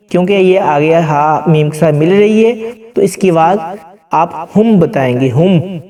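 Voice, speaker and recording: A man teaching Quran reading, spelling out syllables slowly and chanting the joined words. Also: a little high, warm tone. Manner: slow syllable-by-syllable drilling, breaks into chanted recitation. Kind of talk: spelling-out recitation lesson. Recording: distant from the mic.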